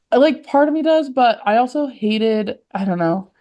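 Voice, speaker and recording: A woman's voice: a little high, lively intonation, slow pace, mellow. Giggly, chatty young woman. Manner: chatty, giggly, rambling with many "like"s. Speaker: podcast co-host. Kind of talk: casual chat.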